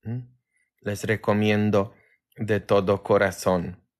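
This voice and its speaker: A man from Poland with a Polish accent, a priest chatting casually with viewers on a livestream in a tired, low-key way. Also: little pitch movement, takes it slowly.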